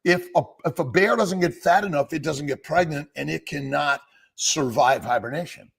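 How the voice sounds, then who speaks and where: A man hosting a live health chat, with a gravelly, creaky edge to a voice that sits a bit high. He rambles, restarts, repeats his words and tosses questions at his guests. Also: moderate pace. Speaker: doctor and show host. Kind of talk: casual livestream talk.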